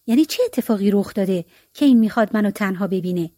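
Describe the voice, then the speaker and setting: A woman's voice: medium pitch, mellow, dry recording, clean studio sound, pitched below the performer's own voice, natural voice. A woman playing a greedy, selfish rich landlord. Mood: curious. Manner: scheming, eager and commanding.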